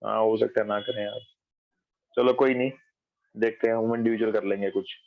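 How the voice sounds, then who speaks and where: A man's voice: on the low side, steady tone, a little fast, no room sound, phone-quality sound. A man teaching a math class online from home, explaining step by step and checking that students follow.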